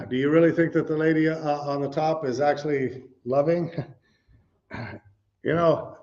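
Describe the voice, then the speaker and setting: In a church meeting room with a responsive audience, a middle-aged man gives a conversational teaching sermon with slides, often saying "you know" and asking listeners questions. His voice is on the high side and darkish, with fairly even intonation and an unhurried pace. The lo-fi recording sounds dull.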